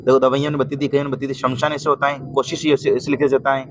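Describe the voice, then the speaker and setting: A man's voice: mid-range voice, flat delivery, fast. Patient male Hindi grammar teacher. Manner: explains patiently, often checks with "है ना?". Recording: noisy recording.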